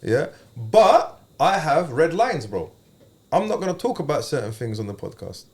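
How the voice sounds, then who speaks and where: A man's voice: a little high, big pitch swings, moderate pace. A man with an urban London roadman accent talking casually as a podcast host, using street slang and often checking that he is understood.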